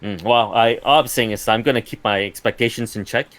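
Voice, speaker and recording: A man co-hosting a gaming podcast in casual chat, measured and skeptical, often repeating words as he starts. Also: fairly low pitch, fairly bright tone, dry recording. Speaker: podcast co-host.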